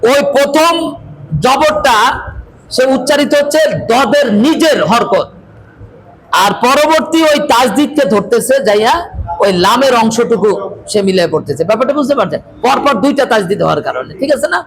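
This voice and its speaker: Man, very high voice, Quran recitation teacher, keeps asking "right?", faint noise behind. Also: animated, moderate pace, fairly bright tone, poor audio. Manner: repeats checking questions to students, stresses letters aloud. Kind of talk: classroom recitation lesson.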